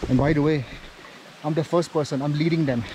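A man's voice: fairly high pitch, steady tone, fairly quick. A man talking casually to his camera while hiking outdoors on a mountain trail, out of breath from the climb. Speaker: travel vlogger. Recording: noisy outdoor camera audio.

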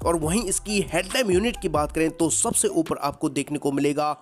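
A man with a fairly high voice presents a car walkaround review, working through features one after another at an even pace. Soft music plays faintly behind him. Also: a little fast. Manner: steady feature-by-feature listing. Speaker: car reviewer and channel host.

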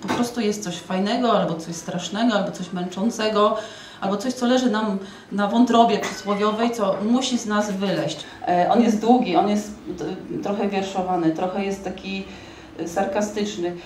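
A woman in her thirties talking reflectively about personal experience, in a halting, hesitant way. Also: medium pitch, steady tone, a little mellow, a little hiss or hum, poor audio. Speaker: debut poet and author. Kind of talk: personal reflective interview talk.

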